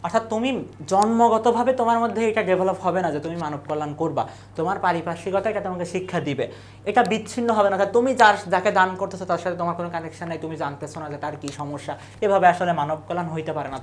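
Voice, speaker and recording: Tutor, young adult, fires off quiz questions then rattles off the answers, mid pitch. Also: a little hiss or hum. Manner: asks quiz questions and answers them in quick lists. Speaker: admission exam tutor. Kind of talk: exam revision lesson.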